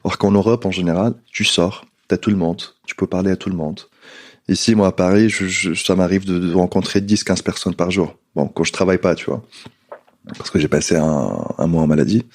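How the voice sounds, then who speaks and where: A man talks as a guest in a relaxed conversation. His voice sits very low, with a gravelly edge. He speaks haltingly, looping back and repeating words as he gathers his thoughts. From Tunisia. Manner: hesitant, many restarts and repeated words. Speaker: podcast guest. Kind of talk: casual conversation.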